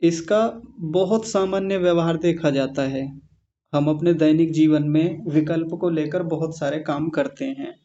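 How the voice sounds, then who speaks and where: A male teacher giving an online class lecture on yoga philosophy, patiently explaining Sanskrit terms and slowing down to spell them out. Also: fairly high pitch, mellow. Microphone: video call. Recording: dull lo-fi video call audio.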